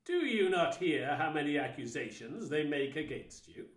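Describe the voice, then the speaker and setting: A man's voice: on the high side, big pitch swings, moderate pace. A man playing a stern Roman governor in a dramatised scripture reading, asking question after question. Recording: roomy echo.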